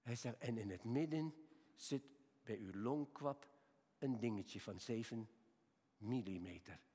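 A man in his seventies preaching a sermon, telling personal stories and moving between quiet, slow passages and raised, emphatic appeals. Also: medium pitch, husky. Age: 70s. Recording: long hall reverb.

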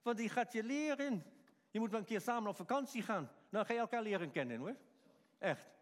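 High-voiced preacher in an echoing church. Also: male voice, fairly quick. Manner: animated, acting out quotes, chuckling. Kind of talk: sermon. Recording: long reverb of a church hall.

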